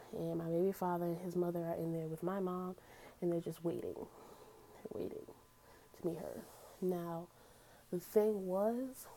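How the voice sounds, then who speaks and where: Young adult woman, casual storytime vlogger; low-ish, warm voice, candid and earnest delivery. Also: a little hiss or hum, poor audio.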